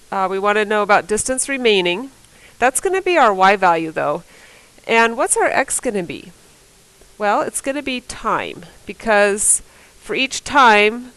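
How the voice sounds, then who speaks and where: This medium-pitched, fairly bright female voice belongs to a teacher with a cold doing math problems on a board. She thinks aloud casually and corrects herself as she goes, in a low-quality recording of a classroom lesson.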